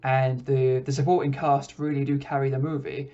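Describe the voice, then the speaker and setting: A man hosting a podcast, giving a casual, relaxed film review with frequent hesitations. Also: mid-range voice, moderate pace. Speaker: podcast host reviewing films. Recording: dull lo-fi recording.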